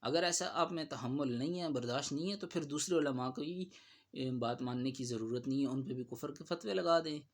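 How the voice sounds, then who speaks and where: A man giving spoken commentary on a religious dispute in a measured, admonishing tone. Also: mid-range voice.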